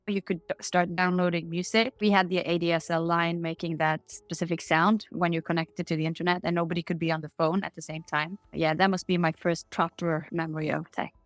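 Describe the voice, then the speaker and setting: A woman's voice: on the low side, fairly even intonation, a little fast, few pauses, dry recording. A middle-aged woman from Norway with a Norwegian accent, answering interview questions in a candid, upbeat way over a remote call. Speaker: guest.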